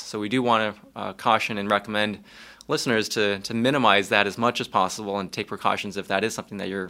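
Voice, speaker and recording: Gravelly, bright-voiced ear doctor. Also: male voice, on the low side. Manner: calm and measured, with small restarts. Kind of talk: explaining medical facts.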